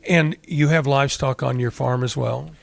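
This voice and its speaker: Creaky-voiced male radio interviewer. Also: mid-range voice, steady tone, normal speed. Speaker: host, interviewer.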